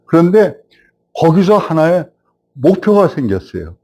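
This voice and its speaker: A man in his seventies, a film director, telling a host stories from his past and growing animated as he recalls it. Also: a little high, measured pace. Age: 70s. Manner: animated storyteller, rising when recalling the past. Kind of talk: reminiscing storytelling.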